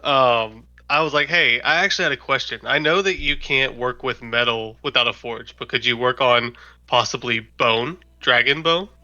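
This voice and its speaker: Very bright-voiced man playing a tabletop game. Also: medium pitch, moderate pace, lo-fi sound. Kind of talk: casual in-character role-play.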